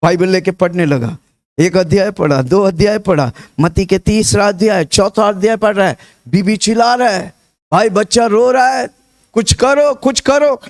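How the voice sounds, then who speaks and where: A man's voice: high voice, moderate pace, darkish tone. A man preaching a sermon. He tells stories with lots of repetition and rouses the congregation, urging them to repeat his words back. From India. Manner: rousing call-and-response, urging the congregation to repeat; storytelling with repetition.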